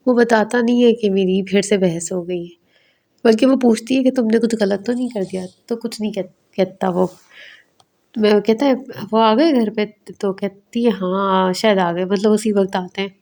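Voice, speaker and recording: A woman with a Pakistani Urdu accent talks through a drama episode in a relaxed, conversational recap. Her tone is mellow and warm, at a middle pitch. Now and then she slips into the characters' lines as she retells the scenes. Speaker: drama reviewer.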